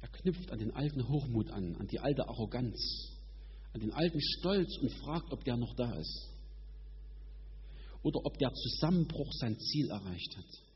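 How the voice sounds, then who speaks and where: A man preaching a sermon in a colloquial, emphatic way, stretching and rushing his words for effect. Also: mid-range voice, lively intonation. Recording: dull sound in a reverberant hall with faint hum.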